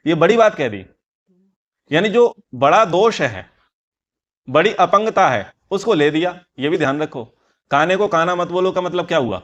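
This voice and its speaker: A man's voice: fairly high pitch, animated, moderate pace, a bit bright, highs cut off. A man teaching a scripture class, explaining earnestly and repeating key phrases for emphasis. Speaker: Vedic teacher.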